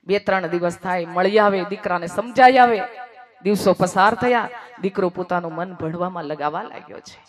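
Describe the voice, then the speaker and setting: Someone tells an emotional moral story, alternating between hushed passages and raised, emphatic lines, and repeating phrases for effect. The voice is mid-range at normal speed.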